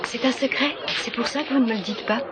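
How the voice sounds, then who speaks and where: An actress playing a composed, gently curious woman in a dubbed TV soap, with a measured, questioning way of talking. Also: on the high side, a crowd in the background, natural voice. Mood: calm curiosity.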